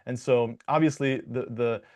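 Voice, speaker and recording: Here, a young man from Michigan, USA, who works as a dialect coach, responds to interview questions. His manner is loose and playful, full of fillers and restarts, and his voice has a medium pitch at a moderate speed.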